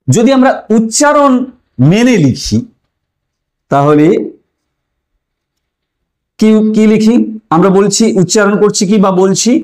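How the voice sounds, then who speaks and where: A man teaching a language lesson in a high voice that keeps rising and falling with emphasis. He puts questions to his viewers, answers them himself and leans on the key terms. His tone stays explanatory and friendly throughout. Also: a little mellow. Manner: asks questions then answers them, stressing key words.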